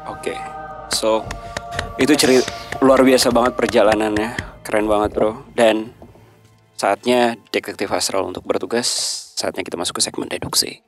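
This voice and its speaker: A man hosting a podcast, relaxed and casual, mixing in English words. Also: lowish voice, moderate pace, pauses often, soft background music. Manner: relaxed, mixes English words, short affirming murmurs. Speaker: podcast host.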